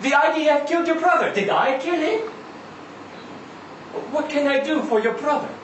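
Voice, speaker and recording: Voicing a weary, high-pitched truck driver, a man reads a short story as a live dramatic monologue in an indoor venue at a literary event, his mood one of defiant pleading. The delivery halts, rambles and swears while he keeps seeking agreement, recorded in an echoey room from a distant mic with faint noise.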